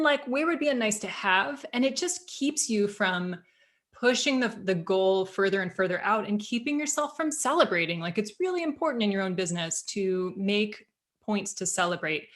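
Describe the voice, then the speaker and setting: A woman co-hosting a business podcast in a casual, animated way, full of fillers and restarts. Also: mid-range voice. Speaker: podcast co-host.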